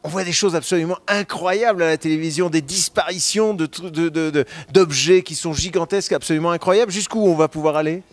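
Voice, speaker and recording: A man's voice: fairly high pitch, brisk, few pauses, no echo. A man working as a local broadcast interviewer, chatty and prompting his guest with frequent follow-up questions. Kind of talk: event interview.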